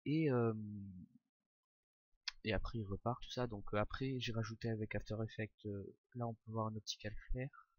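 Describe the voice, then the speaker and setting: A young man talking through a casual screen-recorded software tutorial, informal and hesitant, with frequent fillers as he clicks along. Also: fairly low pitch, normal speed, no room sound, highs cut off. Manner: hesitant, many "euh" fillers, relaxed and informal. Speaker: tutorial maker.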